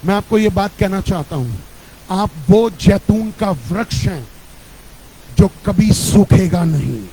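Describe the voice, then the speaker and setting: Male pastor, very high pitch, slow and deliberate, call-and-response church sermon. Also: expressive, dark tone, breathy edge, poor audio. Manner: repetitive call-and-response declarations. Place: church service.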